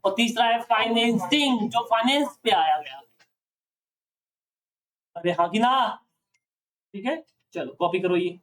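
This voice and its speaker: A male accounting teacher lecturing a classroom, often pausing to ask students questions to check they follow. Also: sits high, recorded from a distance.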